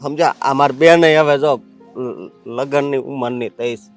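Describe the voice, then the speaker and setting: A man's voice: medium pitch, moderate pace, soft background music, natural voice. A man playing a troubled young man burdened by family duty. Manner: troubled, earnest. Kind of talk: rural family stage drama.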